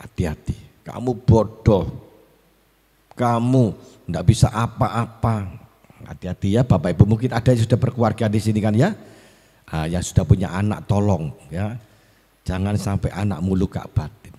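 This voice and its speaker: A man's voice: lowish voice, fairly quick, mellow, slightly rough. A male pastor, giving a seminar talk to teachers in a school hall and telling stories that act out the voices he quotes. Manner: storytelling, acts out quoted voices. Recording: echoey hall.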